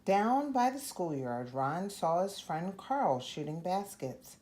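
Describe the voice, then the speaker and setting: A woman with a fairly low voice narrates a picture book. Her delivery is expressive and very lively in pitch, as a storyteller who plays out each part. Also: takes it slowly, slight background noise. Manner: animated, acts out the dialogue. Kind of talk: expressive read-aloud narration.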